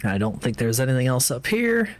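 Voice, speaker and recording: A man's voice: mid-range voice, very animated, fairly quick. Man casually streaming a video game, music behind. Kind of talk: casual video game commentary with in-game notes read aloud.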